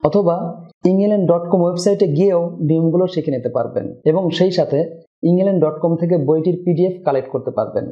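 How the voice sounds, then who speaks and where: A man from Bangladesh teaching English pronunciation in Bengali, slowly repeating example words. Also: a little high, muffled recording. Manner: slow, deliberate repetition of example words. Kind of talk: Bengali-language English lesson.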